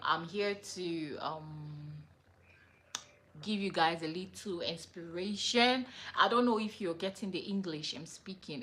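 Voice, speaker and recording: Slow, emphatic woman giving a motivational talk. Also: lowish voice, fairly bright tone. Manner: slow, repetitive, emphatic with many fillers.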